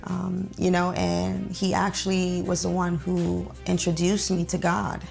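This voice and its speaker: A woman telling her life story in an interview, speaking haltingly with many fillers and pauses. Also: fairly low pitch, completely flat delivery, gravelly. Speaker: interviewee sharing her testimony. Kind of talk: reflective testimony interview. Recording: soft music underneath.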